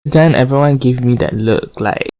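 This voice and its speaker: A man's voice: medium pitch, moderate pace, darkish tone, dry recording. A man chatting casually and hesitantly as host of an eating show, sharing opinions and stories between bites of cookies. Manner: informal, hesitant, opinionated storytelling; eats cookies between remarks. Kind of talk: casual rambling mukbang chat to viewers.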